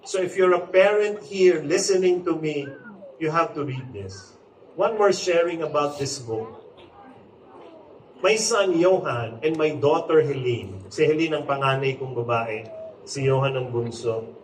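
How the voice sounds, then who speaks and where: A man's voice: on the high side, measured pace, echoey room, recorded from a distance, a little hiss or hum, low-quality recording. A man in his forties giving a humorous, inspirational stage talk as a motivational speaker and author. He acts out quotes and moves between jokes and earnest appeals. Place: large hall before a live audience.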